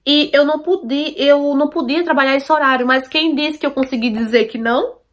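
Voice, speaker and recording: A woman's voice: sits high, steady tone, a little fast, fairly bright tone. A woman tells a personal story to her viewers, emphatic and repeating herself, often checking that they follow. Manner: emphatic, repeats herself, asks listeners for agreement.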